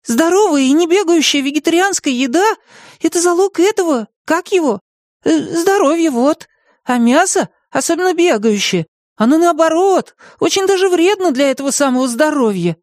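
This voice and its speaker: A plump, jittery little creature with a tail in a storybook, squeaking very high above the reader's own voice. He is fussy and flustered, and his pitch leaps around. The recording is close and dry. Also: expressive, normal speed, no room sound. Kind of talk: audiobook character voice.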